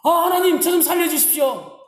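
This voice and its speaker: A pastor acting out a panicked man shouting for help. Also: brisk. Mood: desperate. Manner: desperate high shouting. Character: panicked man clinging to a branch. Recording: echoey church hall.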